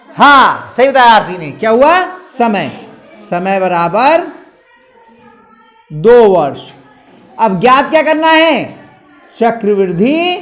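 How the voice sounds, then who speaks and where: A man's voice: extremely high pitch, a bit bright. A man teaching a classroom maths lesson, patiently quizzing his students.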